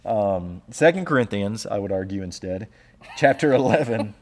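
Animated Southern man, casual faith talk. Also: lowish voice, moderate pace. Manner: animated, laughs often, restarts phrases. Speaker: podcast co-host, church leader. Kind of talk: casual faith discussion, reading scripture aloud.

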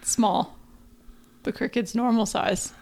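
A woman's voice: fairly high pitch, steady tone, takes it slowly, a little mellow. A woman hosting a podcast in casual chat, blunt, teasing and mock-horrified. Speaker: podcast host.

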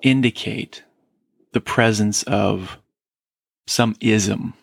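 A man hosting a podcast as a pastor, interviewing a guest with a halting, filler-heavy way of talking. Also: fairly low pitch, vocal fry, breathy edge, no room sound, studio quality. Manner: halting, many fillers and restarts. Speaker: host and lead pastor.

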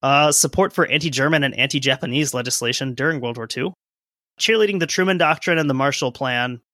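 A man's voice: medium pitch, fairly quick, sharp tone, no room sound, studio quality. A man co-hosting a casual history podcast, reading old newspaper quotes aloud in a conversational way. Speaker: podcast co-host.

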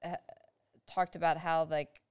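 A woman's voice: low-pitched, level tone, measured pace, a little mellow, clear, resonant tone, no room sound, lo-fi sound. A woman co-hosting a casual chat, reading passages aloud and discussing them with fillers. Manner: reads aloud, then chats with fillers. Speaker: co-host.

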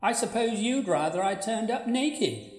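A woman's voice: on the high side, animated, unhurried, a little mellow. A woman voicing the blunt, sulky ghost of a plain young woman, with curt, needling replies in a radio play. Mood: deadpan. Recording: echoey, roomy sound.

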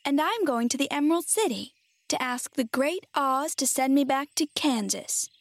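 A woman reader puts on a kind little girl from a children's storybook. The voice is high and earnest, with courteous, sympathetic phrasing. The sound is very dry. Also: expressive, moderate pace, no echo. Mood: helpful. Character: polite, kind little farm girl from Kansas.

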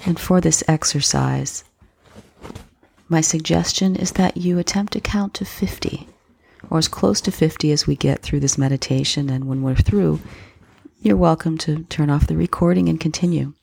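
A woman guiding a slow breath-counting meditation in a soft, gentle, breathy voice with unhurried pauses. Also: deep voice. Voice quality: soft, breathy, husky, often near whisper. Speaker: meditation guide.

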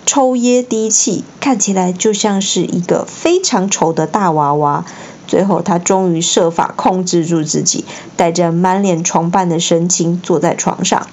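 A mother reading a bedtime story aloud at home, expressive, with the odd slip and restart. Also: lowish voice, highs cut off, a little hiss or hum. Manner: expressive, occasional slips and restarts. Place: home, indoors.

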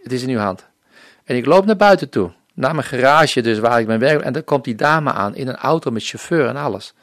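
A missionary guest from the Netherlands shares his personal faith testimony in an interview, speaking earnestly and often acting out remembered conversations. His medium-pitched voice is brisk, a bit bright and lively in intonation, recorded cleanly in a studio with no room sound.

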